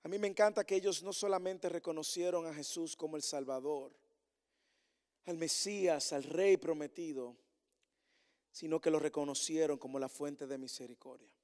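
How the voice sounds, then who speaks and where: A man preaching a sermon as pastor to his congregation, with insistent repeated refrains and questions, swinging between emphatic calls and soft, earnest asides. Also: fairly high pitch, moderate pace, long pauses. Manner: repetitive rhetorical refrains and direct questions to the congregation. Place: church meeting hall with a congregation. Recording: long hall reverb.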